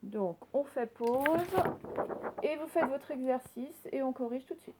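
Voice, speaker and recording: A woman teacher recording a reading lesson for young children, slowly sounding out words and giving gentle instructions. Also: sits high, very noisy. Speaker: primary school teacher.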